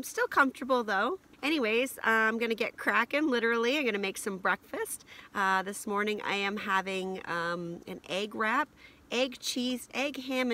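A woman in her forties chatting casually to camera from inside a heated canvas tent, relaxed and rambling with lots of ums. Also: medium pitch. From Canada. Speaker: camping vlogger. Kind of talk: casual vlog chat. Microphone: camera at arm's length and on a stand.

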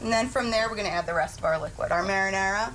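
A young woman chef guides viewers through a dish in a friendly, explanatory way. She is on a TV studio kitchen set with a lapel mic. A frying pan sizzles clearly behind her. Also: mid-range voice, racing, a bit bright, slight background noise. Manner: friendly, explanatory, laughs easily. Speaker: chef guest. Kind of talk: cooking demonstration.

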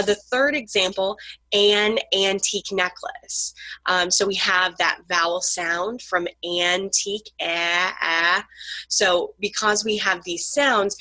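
A woman's voice: medium pitch, bright, forceful tone, no echo, rough recording. A woman lecturing on grammar, explaining patiently with frequent ums and sounding out letters.

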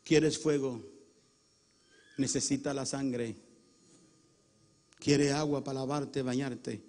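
A male pastor preaching a Pentecostal sermon, moving between quiet storytelling and shouted fervor, often calling out to the congregation. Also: medium pitch, fairly even intonation, takes it slowly. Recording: long hall reverb.

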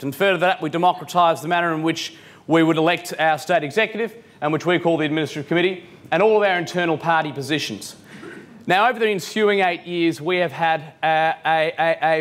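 Young man from Victoria, gesturing animatedly. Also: a little high. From Victoria, Australia. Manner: gesturing, lively, fillers like um. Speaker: guest speaker. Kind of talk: animated conference speech. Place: conference hall on stage.

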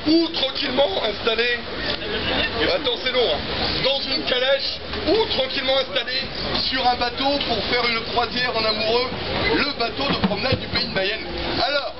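A middle-aged French man performs a market cry in a very high, projected voice. His delivery is theatrical and jokey, rousing the people around him. The outdoor recording is muffled, with a loud crowd all around. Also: normal speed, very noisy. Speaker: market crier, street performer. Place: outdoor market square, standing on a wooden crate. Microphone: camera a few metres away. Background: loud crowd and street ambience.

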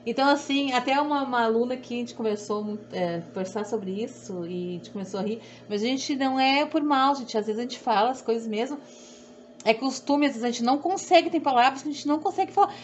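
Rambling southern Brazilian woman, slightly high. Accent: southern Brazilian Portuguese. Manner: rambling, repetitive, self-deprecating. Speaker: sewing instructor. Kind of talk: chatty sewing tutorial. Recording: dull audio with faint background hum.

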